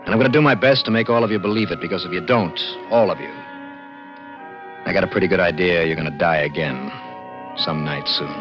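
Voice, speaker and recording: A man's voice: deep voice, fairly quick, natural voice. An actor playing an intense, plain-spoken garage mechanic in his thirties, narrating a vintage radio drama in a slangy, urgent, confiding way. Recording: muffled old radio recording with music.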